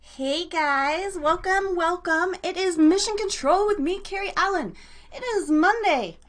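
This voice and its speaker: An American woman with a very high, slightly bright voice hosts a casual live radio show at a measured pace. She's bubbly and chatty, tossing in playful made-up words.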